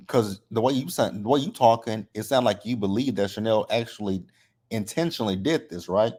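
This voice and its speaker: A TV episode recap host talks in a lower, darkish-toned voice. Braces give him a slight lisp as he runs through the episode in an easygoing, conversational way, regularly adding a questioning "right?" to his points.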